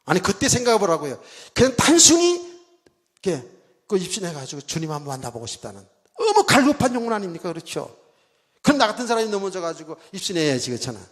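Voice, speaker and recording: Man, middle-aged pastor, sermon, animated storyteller, reverberant church hall. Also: high voice, rapid-fire. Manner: animated storytelling, mimics a revival preacher shouting. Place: church sanctuary.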